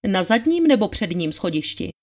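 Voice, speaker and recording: A woman with a medium-pitched, slightly mellow voice and wide pitch swings reads a dramatized trial testimony. She voices a methodical male attorney, questioning a witness in a formal, probing way.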